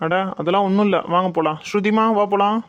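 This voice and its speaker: A man's voice: high voice, steady tone, fast talker, smooth, lo-fi sound, close to an everyday voice. A man voicing a hot-headed young hero in a cartoon who talks brashly but soothes a little girl. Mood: reassuring. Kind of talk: cartoon voice acting.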